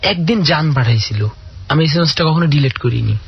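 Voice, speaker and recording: A man's voice: a little high, animated, fairly quick, gravelly, slightly rough. A man calling in to a radio show, earnestly telling a long personal story full of quoted dialogue. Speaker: caller. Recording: dull lo-fi radio audio.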